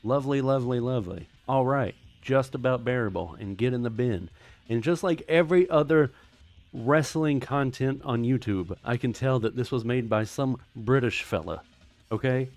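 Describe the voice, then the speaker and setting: A man's voice: mid-range voice, normal speed, dry recording. An American man hosting his own channel, giving rambling, sarcastic casual commentary. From United States. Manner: rambling, sarcastic, self-deprecating. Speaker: YouTube host.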